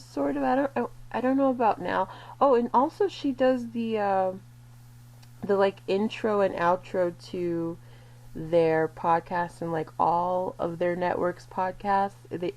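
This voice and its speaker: Lady rambling slowly on her vlog, lots of ums, kinda low voice. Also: darkish tone. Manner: rambling, self-correcting, lots of fillers. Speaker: video creator. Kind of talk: casual commentary vlog.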